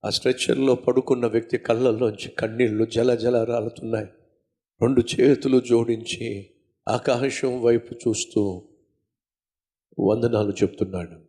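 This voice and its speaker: A man's voice: medium pitch, darkish tone. A man preaching a sermon, telling a story with emphatic repetition and direct questions to the congregation. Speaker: pastor.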